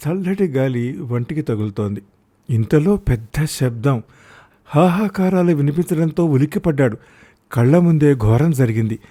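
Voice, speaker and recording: A man narrating a story audiobook in a steady, formal reading manner. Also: medium pitch.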